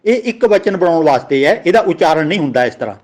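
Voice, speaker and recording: A man with a Punjabi accent giving a religious grammar lesson, slowly spelling out words and their pronunciation. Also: fairly high pitch, lively intonation, a little mellow. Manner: slow, deliberate, spells out words letter by letter. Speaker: teacher of scripture grammar.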